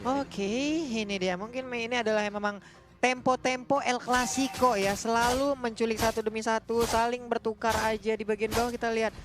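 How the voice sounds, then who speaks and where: A woman with an Indonesian accent commentating an esports match in an animated, colloquial way with playful slangy asides. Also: fairly high pitch, fairly quick. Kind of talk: colloquial excited game commentary. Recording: loud music under the voice. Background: music.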